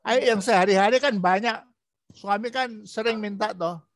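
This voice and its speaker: A man training a student in preaching, asking patient prodding questions and acting out gentle examples. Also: high-pitched, normal speed, no room sound, clean studio sound. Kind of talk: coaching a student in preaching practice.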